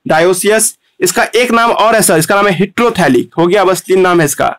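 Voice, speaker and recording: High-voiced biology teacher. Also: male voice, fairly bright tone. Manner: repetitive, tags lines with "है ना"; pauses to fix board writing. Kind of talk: online class lecture.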